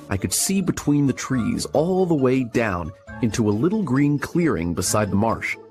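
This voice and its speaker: A man narrating an adventure storybook in an expressive reading style. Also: on the low side.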